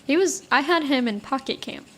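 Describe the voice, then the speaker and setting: Young woman gabbing away, kinda high voice, gets big and dramatic telling stories. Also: moderate pace, a little hiss or hum. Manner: chatty, animated storytelling with playful outbursts. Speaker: guest. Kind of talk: casual chat.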